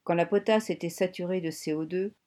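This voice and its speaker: A woman reading a novel aloud as an audiobook narrator, in a measured storytelling manner. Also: on the low side, dark tone. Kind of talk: scripted narration.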